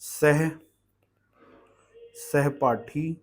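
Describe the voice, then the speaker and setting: Man, slow deliberate delivery, patient teacher, exam-prep lesson. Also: fairly high pitch, steady tone. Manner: explains patiently, asks "ठीक है" often.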